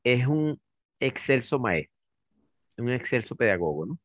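A man hosting an interview, asking questions in a playful, animated way. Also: mid-range voice, a little slow, no echo, dull audio. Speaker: interview host. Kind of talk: interview conversation.

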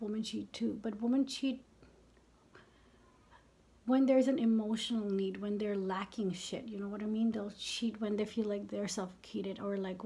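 A woman's voice: mid-range voice, a little mellow. Candid, foul-mouthed woman vlogger in her fifties. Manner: candid and profane, often dropping to half-whispered asides. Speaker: beauty vlogger. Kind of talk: casual makeup chat.

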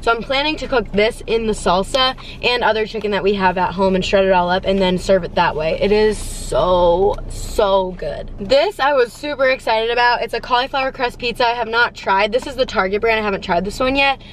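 A woman's voice: medium pitch, fairly quick, hardly any pauses, a little hiss or hum. A young woman vlogger in bubbly, casual chat, talking to a dashboard camera from a parked car. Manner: bubbly, chatty, animated hand gestures. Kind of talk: casual grocery haul chat.

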